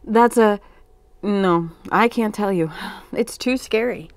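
A woman's voice: mid-range voice, slow, no echo. A woman voicing a teasing father in a storybook reading, in her own voice. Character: calm storytelling dad, teasing.

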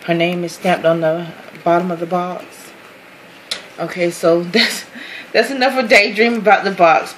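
A woman with a fairly low-pitched voice casually talks her viewers through unboxing a handmade craft box, gushing over each detail. This craft vlogger keeps apologizing and calls everyone "guys." The audio quality is poor, with slight background noise.

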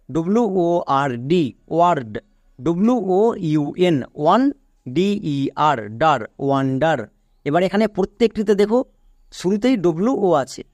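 A man's voice: fairly high pitch, darkish tone, no room sound. A man teaching English pronunciation, spelling words out letter by letter and quizzing his students. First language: Bengali. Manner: spells words letter by letter and asks the class questions. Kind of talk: spelling-rule lesson.

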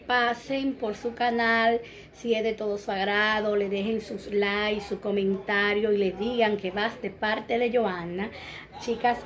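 A woman in her thirties with a Dominican accent, chatting casually to her viewers in a home vlog and sending them blessings and greetings. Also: on the high side. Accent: Dominican Spanish. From Dominican Republic. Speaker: vlogger. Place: small bright room at home, indoors. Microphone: phone camera close up.

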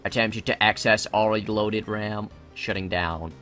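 A man's voice: lowish voice, fairly even intonation, moderate pace, sharp tone, faint music behind. A man putting on a robot voice to play a stiff android gym leader guarding a mine. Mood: glitching. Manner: put-on robot voice. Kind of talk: let's play commentary with voiced game characters.

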